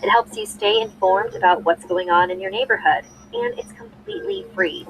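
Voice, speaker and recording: A young woman telling a scary story in smooth, scripted narration, played back from a video. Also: mid-range voice, normal speed, background noise. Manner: smooth, even storytelling with a spoken ad read.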